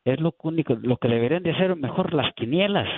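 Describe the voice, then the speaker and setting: A man's voice: on the high side, expressive, fast, husky, no echo. A Mexican man calling in to a radio show over the phone, blunt and argumentative, stumbling and repeating words as he makes his point. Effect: heard over a phone line. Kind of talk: call-in comment on a radio show. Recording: tinny dry phone line.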